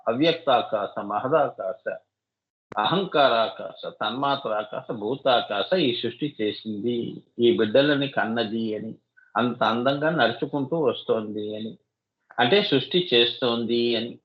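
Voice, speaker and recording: A man's voice: mid-range voice, a little slow, muffled recording. A man giving a devotional discourse as a spiritual teacher, often asking his listeners rhetorical questions and calling them child.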